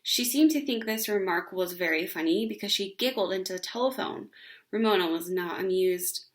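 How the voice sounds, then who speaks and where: A woman reads a children's book aloud, telling the story expressively at a moderate pace in a medium-pitched voice.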